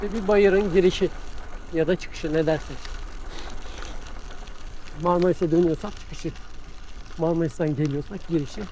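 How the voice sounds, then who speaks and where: A man's voice: a little high, steady tone, normal speed, pauses often, dark tone, slight background noise. Breathless cyclist man narrating a climb. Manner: chatty, talks to viewers and to a dog while riding. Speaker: cyclist vlogger. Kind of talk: casual narration while cycling. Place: outdoors on a country road.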